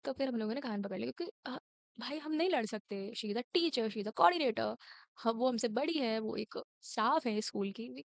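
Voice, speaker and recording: A woman in her late teens telling a school story in a casual, indignant way, switching between Hindi and English and mimicking a scolding teacher in sharp raised lines. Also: a little high, no echo.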